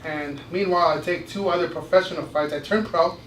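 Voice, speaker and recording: A man telling stories to a small live group as a motivational speaker and former boxer. He is animated, laughs often and repeats phrases. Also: fairly high pitch, a little fast. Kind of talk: storytelling talk to a small group. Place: indoor room with a live audience. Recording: echoey room, distant mic, background noise.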